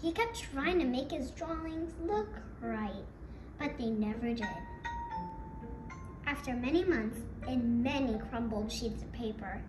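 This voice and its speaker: A woman hosting and reading a children's picture book aloud in a slow, deliberate way. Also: on the high side, expressive. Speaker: podcast host. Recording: roomy echo, music behind. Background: music.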